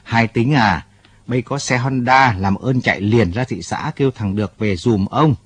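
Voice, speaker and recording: A man's voice: medium pitch, moderate pace, breathy edge, natural voice. A man voicing an older rural man who is blunt but kind-hearted. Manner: scolding yet fatherly, talks bluntly.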